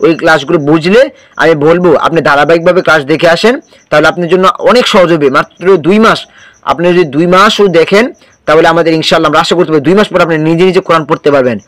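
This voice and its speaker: A man's voice: fairly high pitch, steady tone, very fast, a bit bright, no room sound. Patient male Quran teacher, dry sound. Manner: patient, repetitive drilling with questions to the viewer. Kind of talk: recorded lesson, drilling letter sounds.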